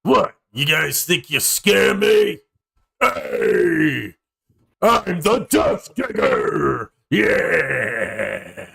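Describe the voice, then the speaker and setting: A man voicing a boastful male monster that yells taunts. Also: fairly high pitch, very animated, extremely slow, creaky, slightly rough, voice pushed up, full character voice. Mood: boastful, angry. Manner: yelling, taunting.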